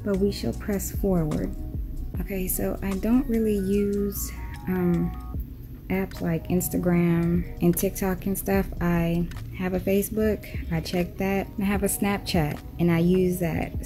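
A woman's voice: lowish voice, dark tone. A young American woman rambling casually to her vlog, talking with a sore, swollen jaw. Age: young adult. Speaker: vlogger. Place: at home and in a parked car. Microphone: phone at arm's length. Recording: music playing behind the voice.

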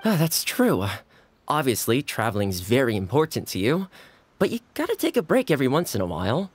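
A man's voice: medium pitch, wildly swooping pitch, brisk, husky. Thoma, an easygoing young man. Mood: friendly. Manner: gentle, easygoing, friendly. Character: friendly young housekeeper man, warm and easygoing. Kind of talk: video game voice acting.

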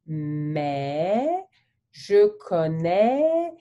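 An animated woman with a low-sitting voice hosts a slow video-call interview with a colleague, using simple French aimed at learners. The webcam audio is dull. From her home office with a virtual background, she asks exaggerated questions and gestures broadly.

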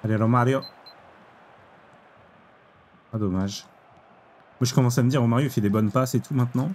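Excitable young man commenting football gameplay. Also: mid-range voice, fast talker, slight background noise. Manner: excitable, exclaims and groans at plays. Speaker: gaming YouTuber.

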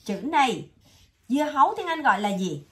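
Southern Vietnamese woman, English tutor, a bit high-pitched, patient drilling style. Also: very animated. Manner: patient, drills words slowly and repeatedly. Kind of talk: one-on-one vocabulary lesson.

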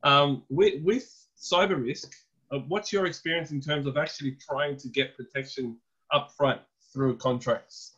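A man's voice: fairly high pitch, measured pace, a bit bright, breathy edge, muffled recording. A man in his thirties moderating a webinar panel over a video call, handing questions to the guests in a conversational way.

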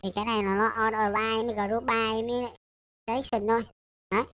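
Woman, casual coding tutor, hesitant and self-correcting, somewhat high voice, dull lo-fi audio. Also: flat delivery, fast talker, a bit bright. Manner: chatty, hesitant, corrects herself, keeps checking in with listeners. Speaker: programming tutor.

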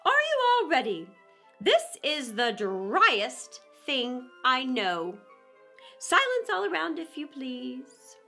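A woman's voice: extremely high pitch, very animated, moderate pace, hardly any pauses, bright, forceful tone, faint music behind, pitched above the performer's own voice, full character voice. A woman voicing a self-important, bossy mouse lecturer in a storybook, declaiming pompously.

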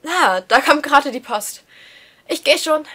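A woman's voice: sits high, lively intonation, measured pace, bright, forceful tone, voice pushed up, full character voice. A woman voicing a caring, teasing middle-aged mother in a read-aloud story, lifting her voice and speaking in a cheerful tone.

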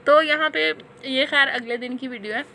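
Pakistani woman in her thirties, high bright voice, voice-over for a family vlog, teasing and amused, faint room hum behind. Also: normal speed. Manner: amused, teasing, breaks into laughter. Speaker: family vlogger and mother. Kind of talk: chatty voice-over narration.

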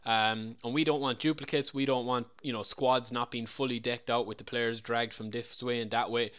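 Brief: casual male tutorial presenter, mid-pitch, loose and repetitive delivery. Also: steady tone, normal speed, a bit bright, smooth. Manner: chatty, loose, repeats himself. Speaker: game modding tutorial presenter. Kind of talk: casual screen-recorded tutorial.

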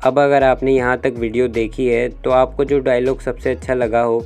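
A man's voice: medium pitch, level tone, normal speed, darkish tone, clear, resonant tone, faint music behind. Chatty young man giving dating tips. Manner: chatty, instructive, acts out both sides of sample dialogues. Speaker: YouTube dating-tips host. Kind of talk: casual explainer vlog.

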